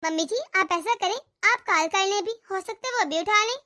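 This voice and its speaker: A woman's voice: very high-pitched, fairly quick, bright, forceful tone. A woman voicing a sensible young daughter-in-law in a cartoon, polite and reassuring. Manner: polite, reassuring, level-headed. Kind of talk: cartoon dialogue.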